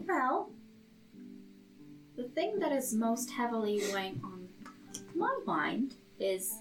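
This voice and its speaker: A woman's voice: fairly high pitch, big pitch swings, slow pace, poor audio. Casual woman player over guitar music. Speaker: tabletop game player. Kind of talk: casual game table chat. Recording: plucked guitar music behind.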